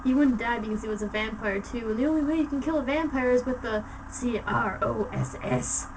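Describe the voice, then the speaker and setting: A woman reads a story aloud in a high voice with hammy, theatrical delivery. She drops in mocking asides as she goes. The recording is distant, with faint noise in the background. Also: a little fast. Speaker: story reader. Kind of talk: dramatic reading of fan fiction.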